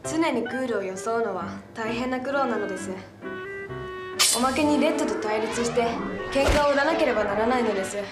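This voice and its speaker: Casting: young woman to play bookish schoolgirl ranger, fairly high voice, dry polite lecturer, TV hero parody, music underneath. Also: a little fast, close to an everyday voice. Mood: deadpan lecturing. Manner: matter-of-fact lecturing, quirky polite sentence endings. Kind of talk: live-action TV hero parody acting. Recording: music behind the voice.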